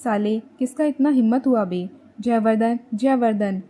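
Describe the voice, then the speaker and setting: A brash, quick-tempered young male student snaps at his friend in rough, teasing slang, voiced by a woman narrating. The voice sits a little high and sounds warm and mellow. Faint ambient noise stays in the background. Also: natural voice. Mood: angry.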